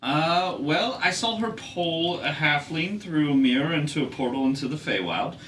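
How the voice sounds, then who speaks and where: A man's voice: on the high side, animated, moderate pace, a bit bright. A man playing a tabletop game, talking casually with dry, wordy, mock-formal phrasing. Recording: roomy, distant mic with faint noise.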